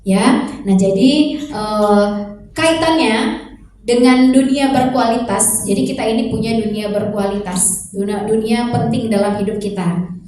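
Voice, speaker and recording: A woman teacher and mother calmly explaining a classroom lesson, posing many rhetorical questions. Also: a little high, unhurried, slight background noise. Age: adult mother. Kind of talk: sharing a lesson reflection. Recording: echoey room, voice far from mic.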